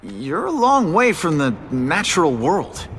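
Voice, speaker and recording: An actor playing a wisecracking, eager young superhero photographer in a video game, chatty and boyish. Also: male voice, a little high, huge pitch swings, unhurried, fairly bright tone, heavily acted. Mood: wary, earnest.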